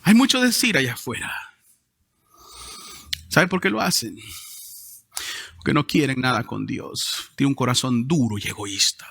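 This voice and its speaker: A man preaching a sermon as pastor, emphatic, with sudden rises in pitch and loudness. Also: animated, a little slow, creaky, long pauses, breathy edge. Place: church hall. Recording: long hall reverb.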